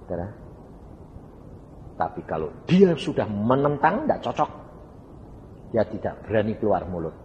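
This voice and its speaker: A male evangelist, preaching a sermon and telling a story, often asking the congregation questions. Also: mid-range voice. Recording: reverberant hall with faint background noise.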